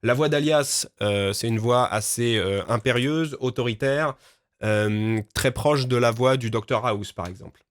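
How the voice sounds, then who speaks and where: A man casually explaining, in a relaxed way with frequent fillers, how he records voices for his game. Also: mid-range voice, unhurried, no echo, clean studio sound. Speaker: game developer and voice actor.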